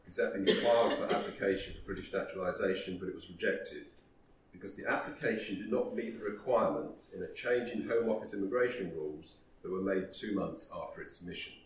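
In a spacious room full of echo, a very deep-voiced man gives an unhurried historical talk from some distance off-mic. A soft background hum of room noise lingers beneath his words.

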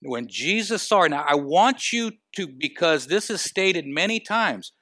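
A man preaching a sermon, asking the congregation rhetorical questions and moving between quiet and emphatic delivery. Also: fairly high pitch, animated, a little slow, dry recording, clean studio sound.

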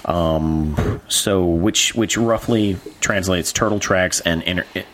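A man's voice: deep voice, takes it slowly, slight background noise. A man co-hosting a podcast, chatting casually and joking, then going through publication dates. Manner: animated, jokey, reads out dates. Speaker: podcast co-host. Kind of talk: casual chat about comics.

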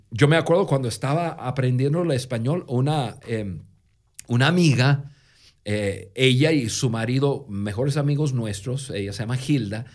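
A man co-hosting a podcast who tells stories in casual Spanish, which is not his first language, with a lingering foreign accent and frequent halting restarts. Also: medium pitch. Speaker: podcast co-host. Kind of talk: casual conversational storytelling.

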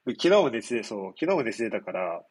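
A man in his twenties with a nasal, stuffed-up, husky voice, chatting casually as a podcast host in a rambling, explanatory way. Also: on the low side, very animated, fast, darkish tone. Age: 20s. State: congested after nose surgery. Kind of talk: casual chat.

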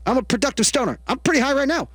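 A male comedy co-host rambles through casual, slangy banter. His voice is notably high for a man, and the sound is close and dry. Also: animated, racing, fairly bright tone, no echo.

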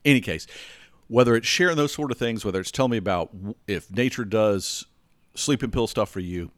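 A man's voice: lowish voice, brisk, dry recording. A man hosting a solo podcast, talking casually and rambling, often restarting and checking in with listeners. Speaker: podcast host. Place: indoors at home with windows closed.

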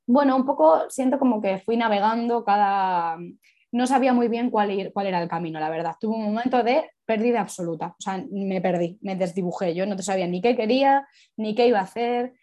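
A woman's voice: medium pitch, fairly quick, mellow. A woman sexologist, reflecting candidly in a casual interview and rambling through many asides.

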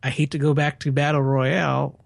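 A man's voice: a little high, flat delivery, fairly quick, gravelly, no echo. A man reviewing a film in casual chat, rambling and peppering his talk with "you know".

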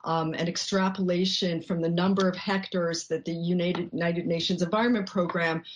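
A woman researcher answering interview questions in a measured way, often pausing with "um" and "you know.". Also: lowish voice, steady tone, a little hiss or hum. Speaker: researcher guest.

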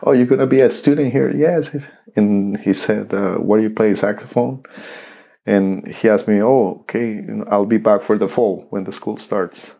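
A man from Costa Rica with a Costa Rican Spanish accent, a native Spanish speaker telling his story in an interview, halting with many restarts and fillers. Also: on the low side, creaky, dark tone. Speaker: interview guest, saxophonist.

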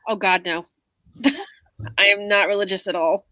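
A woman's voice: mid-range voice, fairly even intonation, moderate pace, sharp tone, poor audio. A woman from Brooklyn with a Brooklyn accent, chatting casually. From Brooklyn, New York. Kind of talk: casual chat.

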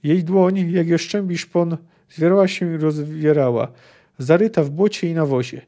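A man hosts a book discussion podcast, reading passages and musing hesitantly, with frequent fillers. His voice sits slightly high and sounds mellow and relaxed. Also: normal speed. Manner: hesitant, thinking aloud with many fillers. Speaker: podcast host.

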